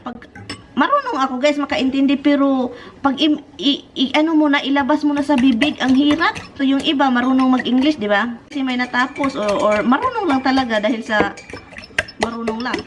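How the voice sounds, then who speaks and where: A woman's voice: sits high, brisk, background noise. A middle-aged woman from the Philippines with a Visayan accent, chatting casually and giggling as she vlogs at home. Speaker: vlogger. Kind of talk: casual chat to camera.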